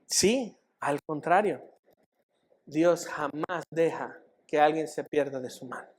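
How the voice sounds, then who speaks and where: A man's voice: on the high side, takes it slowly, slight background noise. A man with a Mexican Spanish accent, pastor of a church, preaching a sermon and putting many questions to the congregation. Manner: preaching, rising loud then dropping to soft. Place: church sanctuary.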